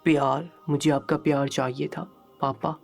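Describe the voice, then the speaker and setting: A man's voice: fairly high pitch, steady tone, soft background music, lightly acted. A man voicing a hurt, tearful young daughter in a storybook reading, with a pained, pleading delivery.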